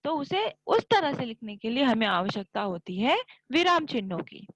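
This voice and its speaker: Woman, teacher, school grammar lesson, patient step-by-step explaining, lively pitch, dry close sound. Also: normal speed, dry recording, poor audio.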